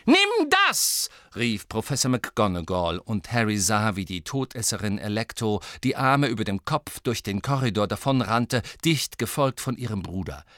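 A man reading an audiobook aloud in a tense, dramatic narrating style, speeding up and dropping low with the action. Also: moderate pace, hardly any pauses, fairly bright tone, no room sound, clean studio sound.

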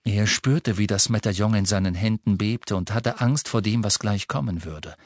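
A man narrating an audiobook in a measured, deliberate storytelling manner. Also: lowish voice, dry recording, studio quality.

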